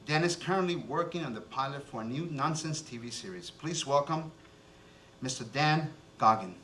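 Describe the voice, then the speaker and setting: Joking through his emcee speech at an awards ceremony, the host, born in Cuba and raised in New Jersey with a Cuban-American accent, teases the crowd and himself with rapid jokes. His medium-pitched voice is pushed and bright with lively intonation, over slight background noise, picked up from afar in a roomy event hall.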